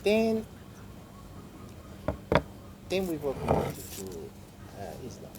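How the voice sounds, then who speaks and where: A man with an Azerbaijani accent talking as a podcast guest, halting and repeating words for emphasis in a conversational way. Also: sits high, very animated. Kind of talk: conversational interview storytelling. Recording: clear background vehicle-like noise.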